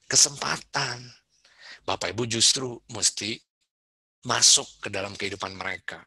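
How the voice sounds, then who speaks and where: A man's voice: mid-range voice, sharp tone, breathy edge, no echo. A man giving a seminar talk to parents at a school, chatting casually and putting questions to the audience. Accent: Indonesian. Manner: conversational, asks the audience questions. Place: school event room.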